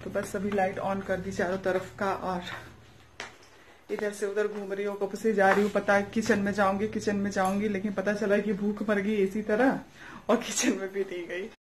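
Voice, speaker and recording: A young woman with an eastern Uttar Pradesh Hindi accent narrates her evening at home, recorded on a nearby phone or camera. Her delivery is casual and chatty, softly spoken, often ending thoughts with "right?" to draw the viewer in. Her voice sits in a middle range for a woman. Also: medium pitch, flat delivery, normal speed, slight background noise. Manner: chatty, soft-spoken, fond tag questions. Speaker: vlogger. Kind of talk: casual daily vlog narration. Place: family home, indoors and courtyard.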